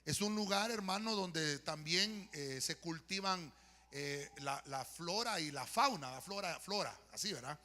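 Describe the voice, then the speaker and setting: A man's voice: high-pitched, pushed and bright. A male pastor with a Honduran accent preaching a sermon and praying aloud, often calling his listeners "hermano" and asking "¿verdad?" between thoughts. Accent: Honduran Spanish. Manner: addresses congregation as "hermano", frequent "¿verdad?" and "eh" fillers. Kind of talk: sermon with spoken prayer. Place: church sanctuary. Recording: long church hall reverb.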